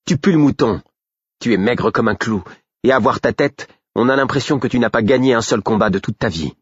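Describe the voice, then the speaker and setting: A man's voice: on the low side, lively intonation, normal speed, slightly rough, dry recording, voice pushed up. A man reading an audiobook, voicing a scornful, defiant young woman who mocks and threatens. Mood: contemptuous. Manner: mocking, contemptuous. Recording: dull lo-fi recording.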